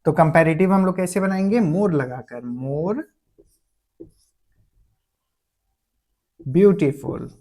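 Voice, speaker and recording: A man teaching a grammar lesson. He explains patiently, often slows down to dictate words one at a time, and checks in with his listeners as he goes. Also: sits high, a little mellow. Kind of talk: classroom-style grammar lesson.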